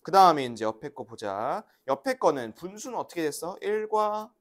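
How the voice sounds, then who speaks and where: An elementary school teacher with a deep, very animated voice leads young children through a math lesson at a moderate pace. Her pitch rises and falls a great deal as she asks questions and waits for answers, patiently coaxing the class to repeat after her in the classroom.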